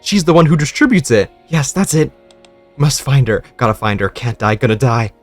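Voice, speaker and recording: A man's voice: medium pitch, expressive, normal speed, faint music behind, close to an everyday voice. A man voicing a panicked, desperate man who mutters frantically, in a game story reading. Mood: frantic.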